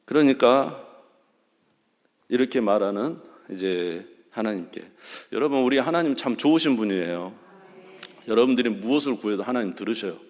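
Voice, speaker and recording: A male pastor preaching a sermon in a church sanctuary, acting out quoted dialogue dramatically with sudden rises in pitch and loudness. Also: lively intonation, normal speed. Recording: long church hall reverb.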